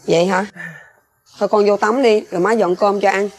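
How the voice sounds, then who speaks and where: An actress with a Southern Vietnamese accent playing a long-suffering mother who speaks softly and pleads to keep the peace. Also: mid-range voice, fairly even intonation, brisk, lightly acted. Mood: gentle. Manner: soft, pleading, protective.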